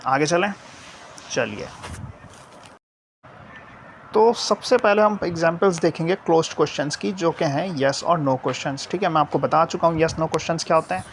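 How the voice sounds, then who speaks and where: A man's voice: fairly high pitch, normal speed, pauses often, slight background noise. A man from Pakistan, an English teacher explaining a video lesson in a mix of Urdu and English, checking in with "theek hai" after nearly every phrase.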